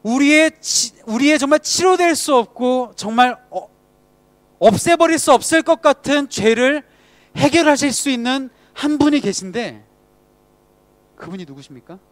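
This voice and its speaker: High-voiced man preaching to a youth group. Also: expressive, moderate pace, no room sound. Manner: conversational, asks the congregation questions. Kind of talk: sermon.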